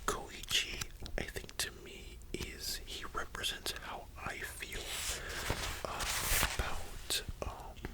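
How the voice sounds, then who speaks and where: Soft library whisper, casual ASMR fan talk. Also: slow pace, low-quality recording. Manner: soft unvoiced whispering throughout; informal, opinionated, slangy. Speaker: host of an ASMR channel.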